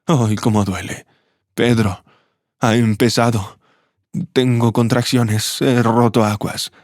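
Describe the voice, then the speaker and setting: A man's voice: mid-range voice, flat delivery, slow pace, darkish tone, no room sound, clean studio sound, close to an everyday voice. A man voicing a young woman in labor, making urgent, pained pleas in a storybook reading.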